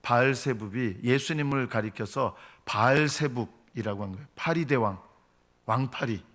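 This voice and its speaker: A man preaching a dawn prayer sermon as a pastor, who acts out the voices of mockers with a raised pitch. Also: normal speed, fairly bright tone. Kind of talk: early-morning prayer sermon.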